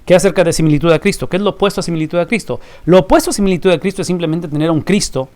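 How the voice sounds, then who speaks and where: A man's voice: high-pitched, very fast, darkish tone. Emphatic male Bible teacher lecturing. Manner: emphatic, asks rhetorical questions.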